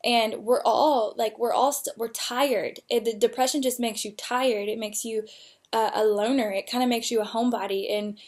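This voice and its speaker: A woman's voice: a little high, steady tone, moderate pace. A young woman telling her personal story candidly and emotionally, with frequent fillers. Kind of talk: personal testimony.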